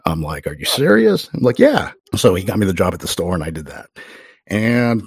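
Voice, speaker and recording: A middle-aged man with a very low, husky voice tells stories in a relaxed, chatty way. He jumps up in pitch and volume whenever he acts out what others said. The sound is close and dry. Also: fairly quick, dry recording. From Oklahoma. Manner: animated storyteller, loudly acts out quoted voices. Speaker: podcast guest. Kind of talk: casual storytelling.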